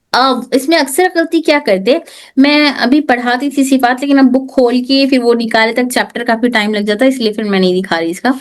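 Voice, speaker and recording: Brief: female tajweed teacher, high voice, patient drilling of sounds. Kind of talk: online class lesson.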